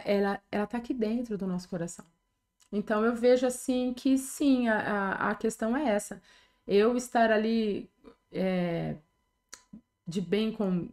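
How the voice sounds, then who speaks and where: Her voice is fairly high with a darkish tone. A middle-aged pastor from Brazil, speaking with a Brazilian Portuguese accent, she shares her personal testimony earnestly and conversationally, often adding a tag question at the end of sentences.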